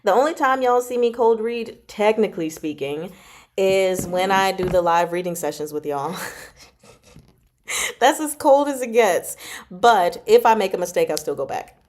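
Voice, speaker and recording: Chatting informally and giggling, a woman livestreams from home, reading chapters aloud and responding to viewers' comments. She speaks unhurriedly in a mid-range, slightly mellow voice with lively intonation, and there's slight background noise.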